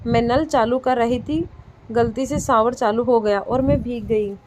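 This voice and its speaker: A woman's voice: on the high side, steady tone, a little slow, noisy background, natural voice. A woman reading the lines of a playful, feverish twenty-year-old wife in a storybook tale, teasing and a little pouting. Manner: teasing, childlike, mildly pouting.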